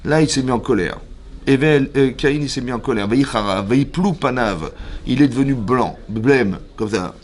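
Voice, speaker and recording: Rabbi teaching a lively Torah class. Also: male voice, medium pitch, moderate pace, slight background noise. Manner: lively, questions the listeners often; acts out the characters' lines as he explains. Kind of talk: Torah lesson.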